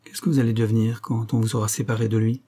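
Storybook role: a man reading as a contrite married woman, pleading and hesitant, mellow and husky. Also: on the low side, little pitch movement, quick pace, natural voice. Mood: remorseful.

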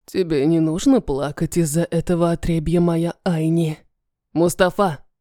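A woman voicing a cruel, mocking ancient male dragon lord who talks slowly and menacingly. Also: low voice, steady tone, warm tone, no echo, clean studio sound, pitched below the performer's own voice. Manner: slow, sneering, menacing.

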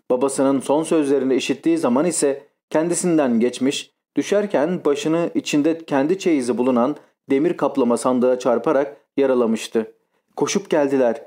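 Man, audiobook narrator, mellow dark tone, calm literary reading. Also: mid-range voice.

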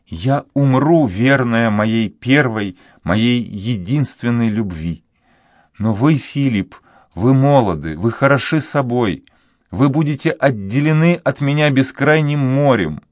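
A man's voice: mid-range voice, animated, takes it slowly, no room sound, voice pushed up. A man voicing a sorrowful sixteen-year-old girl in love, speaking in a sad, pleading way. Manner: sad, pleading, soft-spoken.

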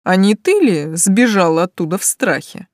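A man's voice: sits high, expressive, normal speed, no room sound, clean studio sound. A woman reading the part of a loyal, earnest young man in an audiobook, firm and raised.

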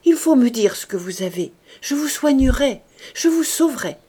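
A woman's voice: lively intonation, normal speed, slightly rough. Woman doing a frantic old servant woman. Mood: frantic pleading. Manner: pleading, crying out high and loud. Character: devoted aging female servant, pious and frantic.

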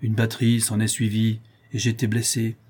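A wounded young man of the people, somber and terse, brushing off his injuries, as a man reading the story voices him. The timbre is dark and husky. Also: lowish voice, completely flat delivery, fairly quick.

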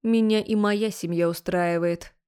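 A woman's voice: lowish voice, fairly even intonation, measured pace, warm tone, clear, resonant tone, lightly acted. A woman voicing a defiant, sarcastic young heroine in an audiobook. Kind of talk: audiobook character voice.

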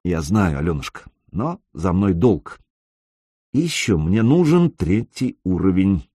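A man reading an audiobook, voicing a self-assured young male gamer who speaks softly and reassuringly. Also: very animated, unhurried, breathy edge, dry recording, clean studio sound, heavily acted. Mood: tender. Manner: soft, low and reassuring.

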